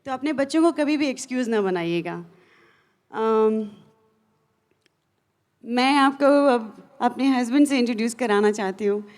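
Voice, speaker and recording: A woman speaking earnestly to an audience as a motivational speaker, pausing often with fillers and restarts. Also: a little high, a little mellow. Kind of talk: stage talk to an audience.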